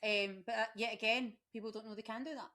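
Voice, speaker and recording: A woman's voice: on the high side, steady tone, fast, bright, forceful tone. A woman co-hosting a casual chat, jumping in with jokey asides. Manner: chatty, jumps in with jokey asides. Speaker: podcast co-host.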